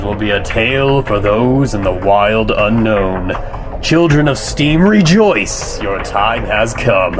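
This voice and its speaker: A man's voice: medium pitch, lightly acted. A man playing a flippant, gleefully morbid radio host, with grandiose theatrical announcing and sardonic showmanship. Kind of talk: theatrical radio hosting and mock ad narration.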